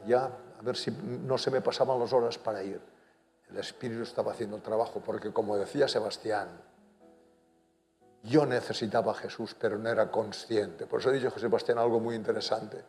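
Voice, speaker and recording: An older man preaches a sermon, telling his own story with conviction. His voice sits in a middle register and swells whenever he drives a point home. The sound carries a long reverb the church hall. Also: darkish tone. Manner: emphatic, rises in pitch and volume on key points. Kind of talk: sermon with personal testimony.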